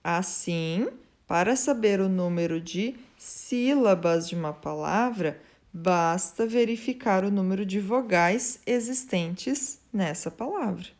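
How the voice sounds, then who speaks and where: A woman teacher explaining a lesson patiently, often checking in with her students and slowly drawing out example words. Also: medium pitch, expressive, darkish tone.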